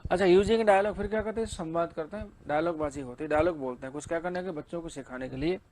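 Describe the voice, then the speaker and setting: A man's voice: fairly high pitch, fast talker, a little mellow. A male teacher giving an exam-prep lecture, asking and answering his own questions and reading English lines in a Hindi accent.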